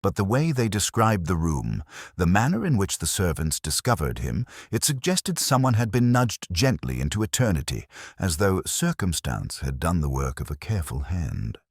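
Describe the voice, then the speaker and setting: An actor playing a pensive, melancholy detective inspector, narrating a mystery in a measured, reflective, literary way. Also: male voice, sits low, very animated, breathy edge, no room sound, studio quality, full character voice. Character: pensive, melancholy male English detective inspector, bookish and observant. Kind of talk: scripted first-person mystery narration.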